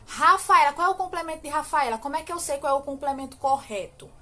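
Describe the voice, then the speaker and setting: Teacher, Brazilian woman, fairly high voice, patient drilling tone, stretches example sentences slowly. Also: animated, pushed and bright. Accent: Brazilian Portuguese. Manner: slow, drawn-out model English sentences between quick explanations; asks rhetorical questions, frequent "ok?". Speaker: English teacher. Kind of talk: recorded online grammar lesson.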